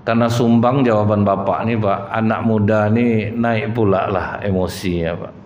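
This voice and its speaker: A man preaching a lively storytelling sermon, calling his listeners Pak and Bu. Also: on the low side, moderate pace, a little hiss or hum. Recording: echoey hall, dull sound.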